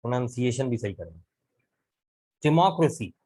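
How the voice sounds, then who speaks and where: Man, teacher, online class, slow, deliberate, mixes in English. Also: medium pitch, rough recording. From Pakistan. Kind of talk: live online class, explaining slowly. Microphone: video call.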